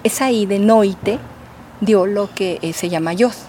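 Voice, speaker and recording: A woman with a mid-pitched voice explains her subject like a teacher, patient and full of small fillers. A faint hiss sits under her voice. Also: measured pace, warm tone. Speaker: linguistics professor. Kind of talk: explanatory interview answers.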